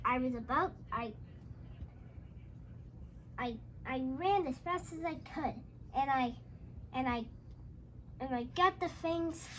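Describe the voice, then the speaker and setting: A young child with a high, bright, forceful voice reads a storybook tale aloud as host, going slowly and haltingly. The child repeats and restarts phrases and calls out the dialogue, with faint noise in the background.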